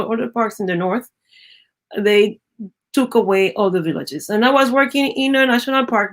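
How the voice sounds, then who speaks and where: In a lively storytelling interview, a middle-aged Venezuelan biologist appearing as a guest speaks Spanish natively with a Venezuelan accent. Her voice sits at medium pitch, and she acts out quoted voices while frequently restarting her phrases.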